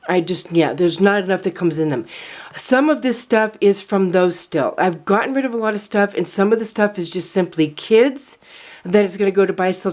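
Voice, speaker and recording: A woman's voice: medium pitch, a little mellow. A woman vlogging casually from a home storage room, chatty and rambling with many fillers. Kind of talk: casual vlog talk.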